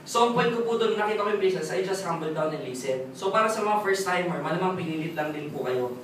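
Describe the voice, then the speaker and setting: Young male seminar speaker, high voice, quick jokey delivery; caught from far off in a boomy hall. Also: expressive. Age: 20s. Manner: jokey storytelling, keeps asking the crowd "right?". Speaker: testimonial speaker at a business seminar. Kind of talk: lively motivational testimony to an audience. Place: large echoey seminar hall with audience. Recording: very echoey hall, far off, noisy.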